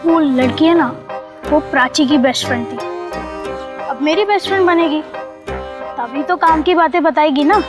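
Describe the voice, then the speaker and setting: A woman's voice: sits high, music in the background, close to an everyday voice. An actress playing a chatty teenage girl who coaxes her police father, in a crime TV drama. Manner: chatty, wheedling, quick.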